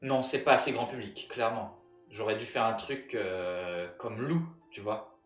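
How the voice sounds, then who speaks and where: A man's voice: on the low side, unhurried, reverberant, far from the mic, faint music behind. A man with a French accent chatting casually with viewers while streaming his illustration work, joking and mocking himself. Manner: joking, self-mocking, sarcastic. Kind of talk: casual livestream chat with viewers.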